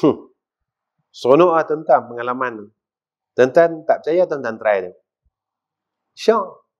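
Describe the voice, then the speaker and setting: A middle-aged man with a northern Malaysian accent giving a mosque lecture, asking the audience questions and swinging between loud and quiet. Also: a little high, animated, measured pace. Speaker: religious teacher. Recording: dull lo-fi recording.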